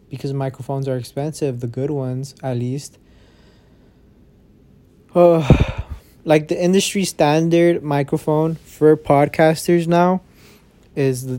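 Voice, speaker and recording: A man's voice: a little high, warm tone. A man hosting a podcast, recording on his phone under a blanket, talking in a rambling, frustrated way and swearing often. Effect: muffled, recorded under a blanket. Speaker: podcast host. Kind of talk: casual solo podcast chat.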